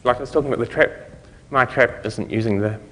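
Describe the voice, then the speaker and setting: A man's voice: medium pitch, fast, a bit bright, long reverb tail. A man giving a conversational conference talk, explaining things step by step. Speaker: conference speaker.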